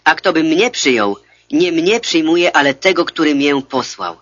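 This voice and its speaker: In a dull, lo-fi recording, a man gives a measured and solemn scripture reading, speaking the words of Jesus as a calm adult teacher. His pitch is a little high.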